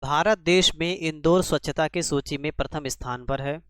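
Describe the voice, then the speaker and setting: A man's voice: on the high side, moderate pace, clean tone, no echo, studio quality. A man teaching a spelling lesson for exam preparation, quizzing the class with rhetorical questions and repeating each answer. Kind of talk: exam-prep grammar lesson.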